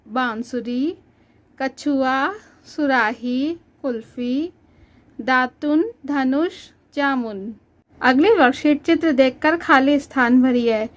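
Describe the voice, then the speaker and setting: Slow, high-voiced woman teaching a lesson. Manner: slow, clear, patient teacher's delivery. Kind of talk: children's Hindi lesson, reading syllables aloud.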